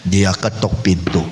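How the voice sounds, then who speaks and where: A man preaching a sermon as pastor, with dramatic leaps to high cries and drops to low, quiet lines. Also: background noise. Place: church. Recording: long church hall reverb.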